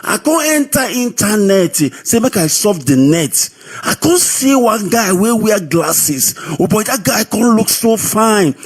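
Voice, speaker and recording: High husky Nigerian Pidgin man. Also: a little slow. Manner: lively storytelling, sing-song. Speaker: radio caller. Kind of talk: personal testimony. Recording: radio broadcast audio.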